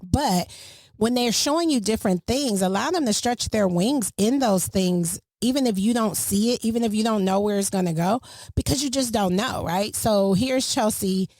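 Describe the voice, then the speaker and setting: A middle-aged woman, the host of a podcast, speaks at a moderate pace in a medium-pitched voice with a darkish tone. Chatty and motherly, she advises parents and adds preachy asides. There is no echo.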